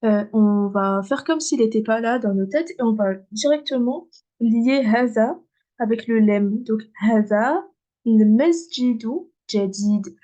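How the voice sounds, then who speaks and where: A woman teaching beginners to read Arabic, patiently repeating words slowly and checking in with "ok?". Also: fairly high pitch, dark tone, muffled recording. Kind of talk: beginner lesson.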